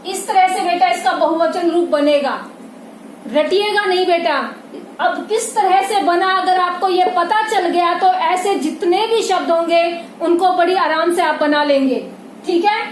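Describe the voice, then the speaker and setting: A woman with a very high voice teaches grammar patiently, repeating each point and often checking that her students follow. She is recorded in a roomy, echoing space with a faint hiss behind her. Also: measured pace. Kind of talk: classroom grammar lesson. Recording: echoey room with faint noise.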